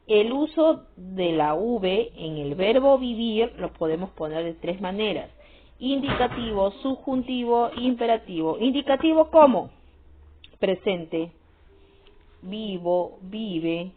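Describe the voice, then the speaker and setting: A woman teaching a grammar lesson, often checking understanding with short questions. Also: medium pitch. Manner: repetitive, checks with frequent "¿sí?" and "¿no?". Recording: tinny phone-like sound with faint music.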